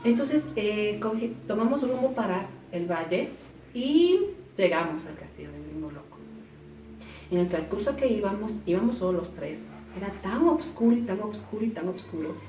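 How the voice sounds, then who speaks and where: A woman casually telling a personal story, acting out quoted voices with sudden jumps in pitch. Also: lively intonation, moderate pace, darkish tone. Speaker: storyteller recounting an experience. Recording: roomy echo, voice from a distance, faint noise.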